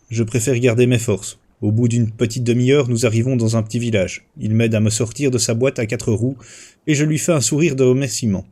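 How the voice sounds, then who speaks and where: Husky man reading a first-person story. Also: mid-range voice. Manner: steady, measured reading with small slips and restarts. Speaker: storyteller reading his own short story.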